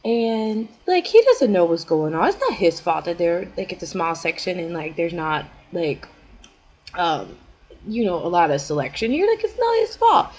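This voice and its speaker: Young woman vlogger, casual storytime delivery, chatty and rambling, lively up-and-down pitch. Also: normal speed, rough recording. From United States. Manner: chatty, rambling, constant "like" fillers.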